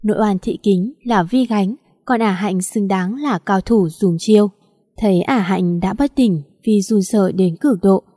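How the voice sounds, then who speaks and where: A woman reading a storybook aloud in steady scripted narration. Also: mid-range voice, a little slow, no room sound, clean studio sound.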